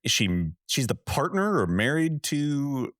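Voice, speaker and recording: A man's voice: mid-range voice, very animated, unhurried, fairly bright tone, no echo, studio quality. A man co-hosting a casual film podcast. He gives blunt, opinionated takes and swears freely. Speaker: podcast co-host.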